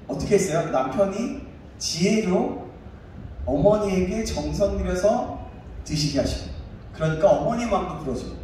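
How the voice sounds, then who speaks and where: A male pastor in his thirties preaching a sermon and telling a personal story with animated delivery. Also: high-pitched. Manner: animated storytelling, acts out his own shouting. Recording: echoey room, distant mic, faint noise.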